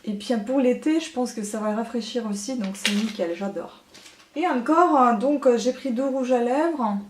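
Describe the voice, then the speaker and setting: A woman's voice: on the high side, moderate pace, slight background noise. Woman beauty vlogger, casual haul chat, hesitant fillers, echoey room. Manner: chatty, many hesitant fillers.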